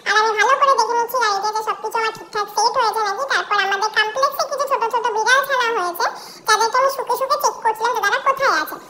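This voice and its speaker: A bubbly young pet dog chatters about its first trip in an extremely high, squeaky voice. It tells its story at a quick, tumbling pace, like a playful pet-vlog narrator. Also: female voice, fairly even intonation, a crowd in the background. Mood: excited.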